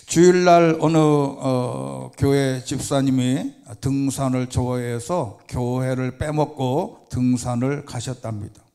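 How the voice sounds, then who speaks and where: Storytelling pastor with a mellow voice. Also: male voice, mid-range voice, slow, gravelly, hardly any pauses. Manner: vivid storyteller, animated retelling. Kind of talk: sermon storytelling.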